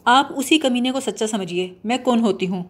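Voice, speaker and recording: A woman reading the part of an irritable young woman, a sulky and sharp-tongued younger sister. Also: fairly high pitch, close to an everyday voice.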